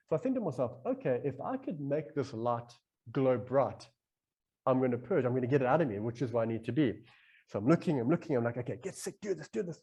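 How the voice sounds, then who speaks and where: A man in a casual podcast conversation, telling a long story in a rambling, animated way and acting out his own inner voice as he goes. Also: medium pitch, husky.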